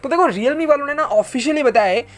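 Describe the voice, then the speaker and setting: High-pitched and animated, an Indian tech host speaks a little fast as he reads out questions from viewers and answers them. His style is chatty and explanatory, sprinkled with English tech terms and friendly "bro" and "friends."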